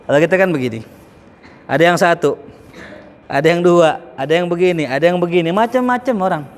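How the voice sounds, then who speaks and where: A man's voice: high-pitched, brisk. A man giving a casual, joking lesson as a preacher in a mosque, acting out examples as he talks. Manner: joking, chatty, acts out examples. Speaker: Islamic preacher. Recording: echoey hall with faint ambience.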